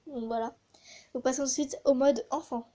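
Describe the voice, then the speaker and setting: A woman's voice: high voice, fairly even intonation, moderate pace, mellow. A woman chatting casually in a vlog, with many hesitations, reviewing voice changer effects. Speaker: gaming YouTuber testing a voice changer app.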